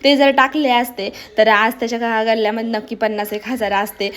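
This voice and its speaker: Chatty young woman vlogger, fairly high voice. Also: level tone, a little fast, fairly bright tone. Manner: chatty, rambling storytelling with many fillers. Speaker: family vlogger. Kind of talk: casual voice-over narration.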